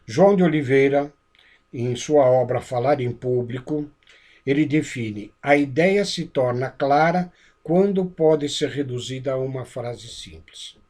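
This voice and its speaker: A man lecturing on public speaking in a teaching manner. His pace shifts between quick runs and slower, deliberate stretches, and he often pauses to check in with his listeners. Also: mid-range voice, darkish tone. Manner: didactic, checks in with frequent "né?" and "ok?". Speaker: instructor of a speaker training course. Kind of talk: lecture-style lesson.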